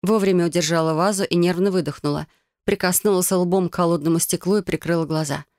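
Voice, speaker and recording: A narrator reading a first-person story aloud in a steady, even manner. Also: medium pitch, fast talker, no echo, clean studio sound. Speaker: audiobook narrator.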